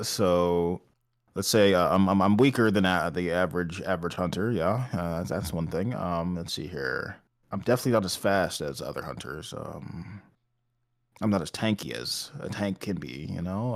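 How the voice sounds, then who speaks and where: A man with a lowish voice chats loosely at a tabletop game. He swears freely and jokes as he talks. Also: expressive, normal speed. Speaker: player. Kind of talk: casual tabletop game chat.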